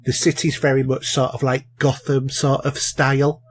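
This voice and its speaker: A male podcast co-host rambles casually about films and shows, frequently using fillers and restarting sentences. His voice is medium-pitched and level in tone, at a moderate pace.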